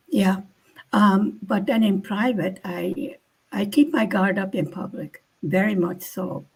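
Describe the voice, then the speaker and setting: A woman's voice: mid-range voice, slow pace, creaky, slightly rough. An older woman hosting a casual live chat, talking bluntly, laughing often and acting out quoted lines. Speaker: channel host.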